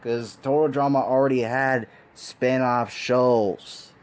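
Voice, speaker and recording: A man with a mid-range voice takes his time, keeping a steady tone. As a video commentator he rants his opinions with frustration and exasperation, sighing, laughing, and going over the same points again.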